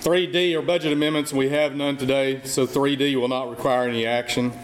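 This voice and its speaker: A man chairing a formal county meeting, reading agenda items and motions in a flat, procedural manner. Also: mid-range voice, brisk. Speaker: presiding officer of a county commissioners court. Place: indoor county meeting room. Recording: echoey meeting room with clear background noise.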